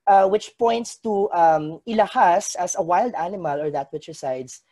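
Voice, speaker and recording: This conference paper talk comes from a Hiligaynon-speaking academic lecturing in an indoor room, picked up by a video call webcam. He sounds mellow and high-voiced. His pace is measured and scholarly, broken by frequent pauses.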